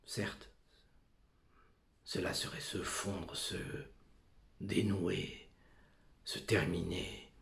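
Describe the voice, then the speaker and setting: A man performing an anguished, brooding tragic figure in a theatrical monologue, halting and fragmented, moving between whispers and outbursts. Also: low-pitched, little pitch movement, creaky, a bit bright, roomy sound, exaggerated voice. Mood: brooding, hushed.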